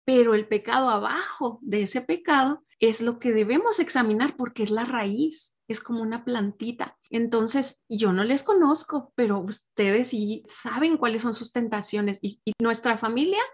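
A woman gives a devotional lesson to a group of women. Her voice sits a little high with a gravelly, creaky edge, and she talks in a conversational way, often turning to her listeners with questions. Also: moderate pace, hardly any pauses. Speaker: Bible study teacher for women. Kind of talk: devotional teaching.

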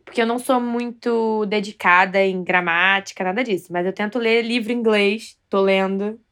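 A woman's voice: medium pitch, fairly even intonation, normal speed, fairly bright tone. A Brazilian woman co-hosting a casual podcast, telling stories in a bold, self-mocking way. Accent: Brazilian Portuguese. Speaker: podcast co-host.

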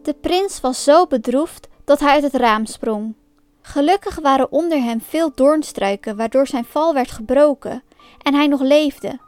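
A woman tells a fairy tale aloud in a calm, clear reading voice pitched high. She is heard close and dry, with soft music under her. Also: unhurried, no room sound. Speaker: storyteller.

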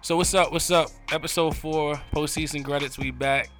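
A man's voice: on the high side, fairly even intonation, fairly bright tone, soft background music. A man hosting a casual podcast, joking around and asking his guests questions. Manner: quick, joking, interviewing. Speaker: podcast host.

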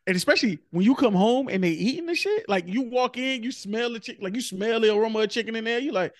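A man's voice: extremely high pitch, animated, fast talker, no echo. A man co-hosting a podcast, ranting emphatically and acting out quotes. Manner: emphatic, swears, acts out quotes. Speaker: podcast co-host. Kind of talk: casual chat.

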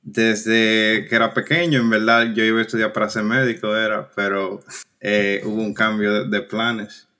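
A man's voice: on the low side, flat delivery, normal speed, bright, forceful tone. A Dominican man in his thirties, a guest chatting casually about his life and work, with many restarts and fillers. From Dominican Republic. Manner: conversational, frequent restarts and fillers. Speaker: guest, cloud engineer. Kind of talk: casual interview chat.

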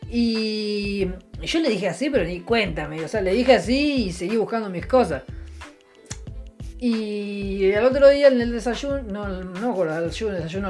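A man's voice: sits high, darkish tone. A young man with an Argentine Rioplatense accent telling a rambling stand-up story with a sarcastic, offhand tone, full of restarts and fillers, chuckling at his own jokes. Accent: Argentine Rioplatense Spanish. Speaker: comedian.

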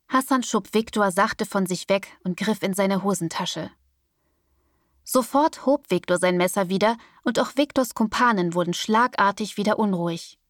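A woman reading an audiobook as narrator in a steady, even storytelling manner on a studio microphone. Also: mid-range voice, no echo. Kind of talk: scripted narration.

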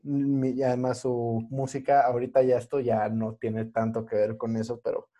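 Slangy Mexican man, mellow, mixing in English words. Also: medium pitch, level tone, moderate pace, lo-fi sound. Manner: slangy young urban Mexican speech with English words mixed in. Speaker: podcast host. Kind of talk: casual podcast chat.

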